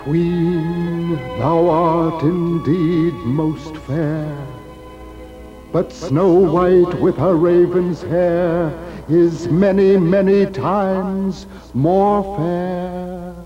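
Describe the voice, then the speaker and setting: A solemn, ancient magic mirror, voiced by a man, intones each word very slowly in a raised, ringing voice. Its speech is grave and archaic, like an oracle, and music swells underneath. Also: high voice, steady tone. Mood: solemn, oracular. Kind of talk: storybook record acting.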